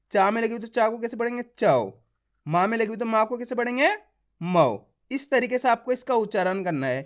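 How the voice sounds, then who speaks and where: In a very high voice, a man leads an online reading lesson, breaking words slowly into syllables and often making sure the learner keeps up.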